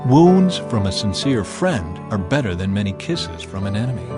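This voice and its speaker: A Bible narrator gives a dramatized scripture reading over background music, his delivery theatrical, emphatic and deliberate. His voice is on the low side and sing-song.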